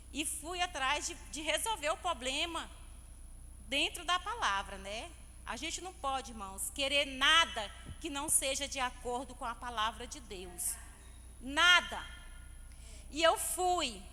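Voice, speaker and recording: A Brazilian woman stands before her church to give a heartfelt testimony, speaking to the congregation as brothers and sisters. Her voice sits high and sounds bright and ringing. A long reverb from the church hall trails after each phrase. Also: expressive, measured pace. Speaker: church member giving testimony.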